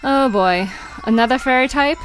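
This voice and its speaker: A high-pitched woman's voice, close to how she'd normally talk and at a moderate pace, comes through on poor-quality audio. She's an actress in an audio drama playing an inquisitive, teasing, slightly skeptical young woman, acting in a conversational style. Music and crickets play in the background.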